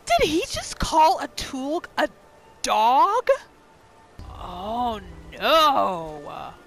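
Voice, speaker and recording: A gamer narrating a roleplay playthrough, this woman speaks very slowly in a high voice with huge pitch swings. She reacts with exclamations and rhetorical questions and speaks for the character, with video game music and sounds in the background.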